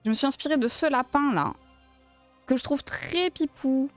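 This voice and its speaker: A playful woman with a south-west French accent and a voice on the higher side talks her chat through a crochet project, laughing easily. The sound is dry and close, with faint music under her voice. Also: normal speed, no room sound. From south-west France. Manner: chatty, playful, laughs often while answering chat. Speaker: crochet live streamer. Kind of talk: casual live-stream chat while crocheting.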